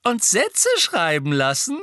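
Guy putting on teasing friendly teen boy, higher pitch, audiobook. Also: very animated, normal speed, pushed and bright, no echo, studio quality, heavily acted. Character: cheerful, teasing teenage boy prankster.

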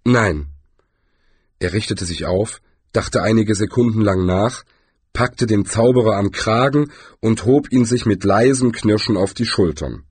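A man reading a fantasy story aloud as audiobook narrator, calm and unhurried. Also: lowish voice, husky, dry recording. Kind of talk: scripted narration.

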